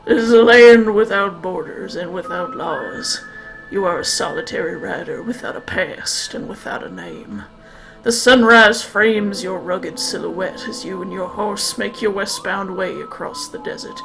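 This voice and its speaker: A woman putting on a gruff, solemn male cowboy narrator voice for a game, talking low and slow. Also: lively intonation, music in the background, low-quality recording.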